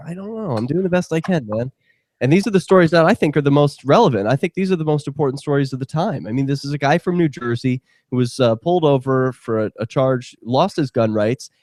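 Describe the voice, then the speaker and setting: A man's voice: mid-range voice, expressive, fast, darkish tone, dry recording, clean studio sound. A man hosting a talk radio show, ranting in a profane, heated and sarcastic way. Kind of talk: casual talk radio rant.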